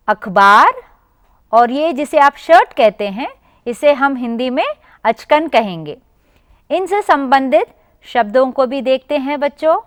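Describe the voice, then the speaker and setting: A woman teacher with an Indian Hindi accent giving a televised lesson to children, drawing out each sound slowly and asking them questions. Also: high voice, a bit bright, no room sound, studio quality. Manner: slow, drawn-out pronunciation, addressing children directly. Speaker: primary school teacher.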